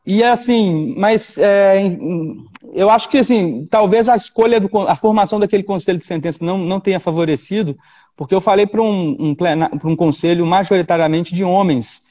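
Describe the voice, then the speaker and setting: A Brazilian man tells a courtroom story in a high voice with a mellow tone, stumbling into repeated words and fresh starts. The sound is dull and lo-fi. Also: brisk. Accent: Brazilian Portuguese. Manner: animated storyteller, frequent repetitions and restarts. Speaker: defense lawyer, guest. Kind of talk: storytelling interview.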